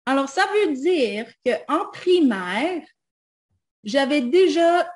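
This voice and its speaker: An expressive, high-pitched woman from Montreal, Canada, a native English speaker, appears as an invited guest in casual personal talk. She is slow and halting, hesitant, with many "euh" fillers and switches into English.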